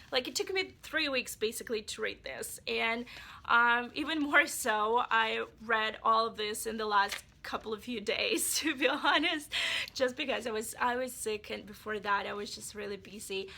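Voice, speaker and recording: A book vlogger with a high-pitched, pushed, bright voice chats and rambles through a casual book review, addressing her viewers directly. Being sick has left her voice sounding a bit off.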